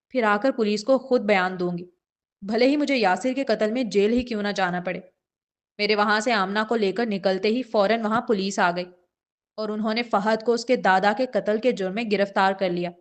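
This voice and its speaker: A woman reader voices a frightened mother confessing her part in a crime. She tells it earnestly, with fear and guilt, in a mid-pitched voice, as part of a storybook reading. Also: natural voice. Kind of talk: audiobook character reading.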